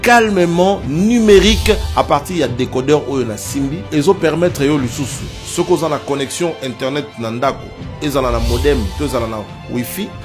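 A man giving an emphatic, lively sales pitch styled as a news bulletin. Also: moderate pace, few pauses, over music. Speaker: advertisement presenter.

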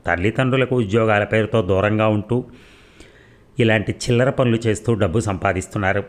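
A man's voice: on the low side, fairly quick, close to an everyday voice. A man voicing a confident defense lawyer in a courtroom story, arguing emphatically.

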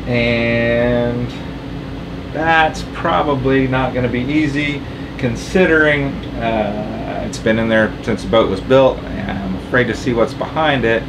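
Man in his forties, casual rambling how-to vlogger, filmed in a small boat cabin over a clear air conditioner hum. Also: medium pitch. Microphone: camera on tripod a few feet away.

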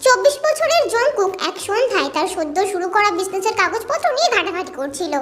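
A woman storyteller giving an expressive, dramatic scripted reading of a romantic story, with music under her voice. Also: extremely high pitch, quick pace.

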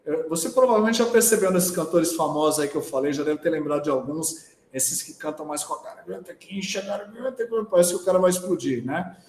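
A man's voice: on the high side, fairly quick, a little mellow, roomy sound, slight background noise. A man with a Brazilian Portuguese accent who teaches singing, giving a chatty live talk full of "né?" tags. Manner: chatty, often tags sentences with "né?". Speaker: voice teacher and singer.

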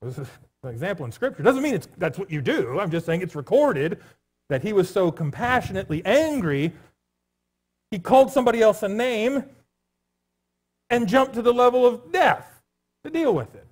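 Higher-voiced man preaching a casual sermon. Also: sing-song, normal speed, long pauses, slightly rough. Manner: conversational preaching, jokes and asides to the congregation. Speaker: pastor. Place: church sanctuary.

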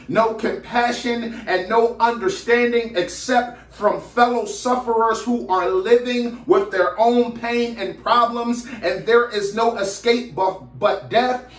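A man's voice: high voice, fairly bright tone, roomy sound, far from the mic. A man preaching a sermon as pastor, often repeating his first words and building rhythmic runs of phrases. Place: church in Philadelphia.

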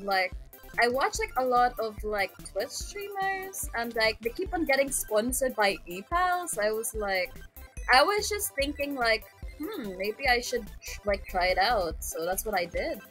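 A woman's voice: sing-song, measured pace, a bit bright, poor audio. A young woman from the Philippines with a cute, girlish anime-style way of talking, chatting casually and hesitantly while gaming. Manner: high, cute anime-girl voice, giggly and hesitant. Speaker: voice actress playing as paid gaming companion. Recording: music bed behind the voice.

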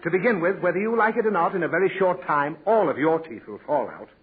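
In a crackly old radio broadcast with a faint hiss, a man with a fairly high, expressive voice talks quickly in a near-everyday way. He's an actor in a 1940s radio comedy, playing a sentimental, easily flustered father who patiently but fussily lectures his naughty daughter.

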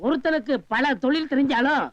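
A man's voice: extremely high pitch, brisk, dry recording, lo-fi sound. An actor playing a meek, agreeable male sidekick who goes along with the others. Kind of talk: film comedy dialogue.

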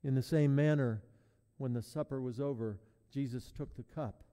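A man serving as pastor, leading a sermon and communion in a measured, prayerful cadence, his voice ringing with a long echo in a large church. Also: mid-range voice, dark tone, clear, resonant tone. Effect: long echoing church reverb. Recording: long reverb in a large hall.

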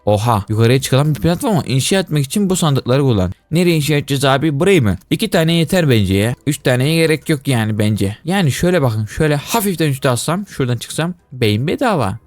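A man commenting on his own game as he plays, animated and quick to shout and yelp when scared. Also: medium pitch, no room sound. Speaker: gaming YouTuber. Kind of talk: excited gameplay commentary.

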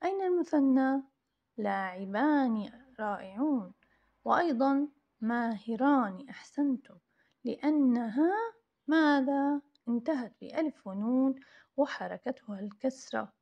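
Woman teacher going over grammar w kids, bit high and gravelly, lots of praise, kinda dull lo-fi sound. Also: expressive. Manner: drills words slowly and praises often. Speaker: primary school teacher. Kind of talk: recorded grammar review lesson for young pupils.

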